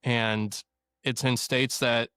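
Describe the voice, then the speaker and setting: Male guest from Missouri, chatty storyteller, mid pitch, dry close mic. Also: little pitch movement, slow, bright, forceful tone, clean tone, no echo. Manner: chatty, laughs easily, storytelling. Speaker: podcast guest. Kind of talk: casual conversation.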